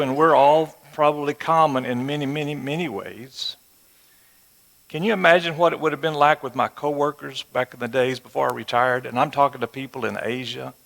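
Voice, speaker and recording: Gravelly older man with a West Texas twang. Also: medium pitch, fairly bright tone. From West Texas, United States. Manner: folksy, conversational, with rhetorical check-in questions. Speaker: Bible teacher. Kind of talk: sermon-like Bible lesson to an audience. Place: large room or auditorium with a live audience. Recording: reverberant hall, amplified speech.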